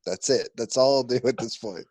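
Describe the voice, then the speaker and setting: A man's voice: medium pitch, fairly quick, a little mellow, no room sound. A man playing in an online tabletop game, easygoing and wry. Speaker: player. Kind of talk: casual tabletop play. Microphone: online voice call.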